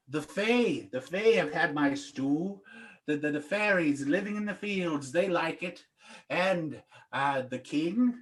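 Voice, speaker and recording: A performer voicing a spry, boastful old leprechaun who cooks stew, with folksy old-timey speech and a lively, swooping delivery. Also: medium pitch, low-quality recording.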